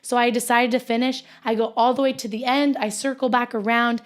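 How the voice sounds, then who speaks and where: A woman's voice: fairly high pitch, flat delivery, brisk. A woman in her twenties hosts a podcast on her own and tells a story in a chatty, casual way, with many ums and likes. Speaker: podcast host. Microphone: home recording for podcast with video.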